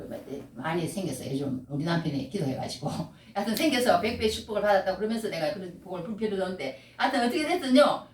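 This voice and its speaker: A middle-aged woman preaching a sermon, animated and repeating key phrases, often calling out hallelujah. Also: fairly high pitch. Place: church sanctuary. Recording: echoey room, voice from far off mic. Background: congregation responding.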